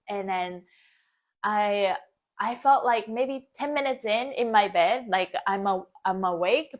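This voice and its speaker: A woman born and raised in Japan, hosting a casual live stream, chatty with frequent laughs and many fillers. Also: mid-range voice. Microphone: phone or webcam, live stream.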